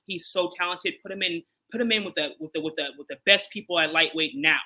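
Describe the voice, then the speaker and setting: A man from Chicago, a guest on a boxing interview, talking in a casual, animated way, restarting and repeating himself with many fillers. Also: on the high side, quick pace, low-quality recording.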